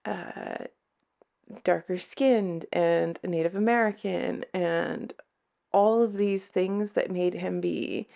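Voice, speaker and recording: A woman's voice: on the low side, slow pace, gravelly, warm tone. A woman chatting casually to viewers as a book vlogger giving a review.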